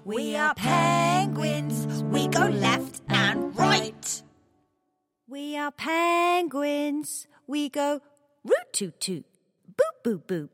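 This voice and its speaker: A woman's voice: on the low side, huge pitch swings, slow pace, over loud music, voice pushed down, exaggerated voice. A woman voicing a little young female penguin in a storybook, with a bouncy, sing-song way of chanting. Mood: playful.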